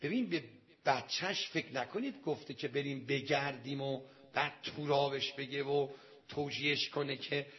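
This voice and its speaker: A man preaching to an audience of men, telling a sacred story dramatically and swinging from hushed asides to loud outbursts. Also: mid-range voice, muffled recording. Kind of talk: storytelling sermon to a male audience.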